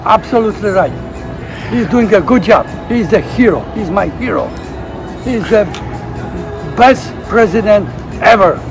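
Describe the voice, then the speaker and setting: Middle-aged man, Polish accent, emphatic, broken English, high pitch, busy crowd noise. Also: animated, measured pace, poor audio. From Poland. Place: city street outdoors. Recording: street with crowd and music.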